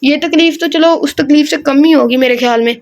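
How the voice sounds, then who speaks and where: A woman voicing a resigned older father who talks things through calmly, reading a novel aloud. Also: high voice. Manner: reasoning, resigned.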